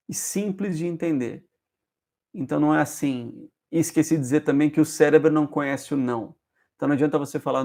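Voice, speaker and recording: Gravelly-voiced man teaching. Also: a little high, a little mellow. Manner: explains with repeated example phrases, often checking in with "né?" and "ok?". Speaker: hypnotherapist host. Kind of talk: casual spoken lesson.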